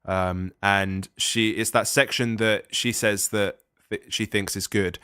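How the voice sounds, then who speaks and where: Blunt man with a low, bright voice. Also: fairly even intonation, takes it slowly, clean tone, no echo, clean studio sound. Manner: blunt, swears freely. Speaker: podcast co-host. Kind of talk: casual chat about films.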